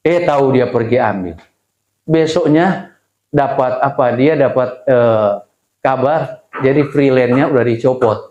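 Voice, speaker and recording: A middle-aged male pastor giving a sermon, telling stories with lively exclamations and acting out dialogue. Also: mid-range voice, a little slow, dull audio. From Indonesia. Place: church hall. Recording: echoey church room.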